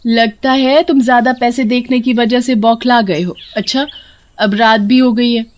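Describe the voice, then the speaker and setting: A woman's voice: fairly even intonation, a little slow, natural voice. Woman playing a greedy scheming rich wife. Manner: shrill, stammering screams when scared.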